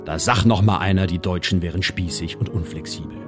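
A man, the station's resident poet, reading his own comic short story aloud in a radio studio, with a dry, deadpan delivery and sudden high voices for the quoted characters. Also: brisk, loud music behind the voice.

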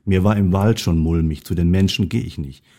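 A man voicing a timid, fearful male carp in a storybook reading, in a low voice. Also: fairly quick, mellow, close to an everyday voice.

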